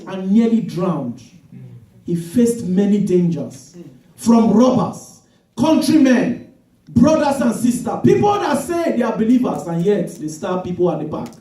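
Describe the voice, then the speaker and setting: High-voiced preacher in an echoing hall. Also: male voice. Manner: preaching with sudden shouted emphasis and drawn-out phrases. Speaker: pastor. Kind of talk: sermon. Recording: echoey room from a distance.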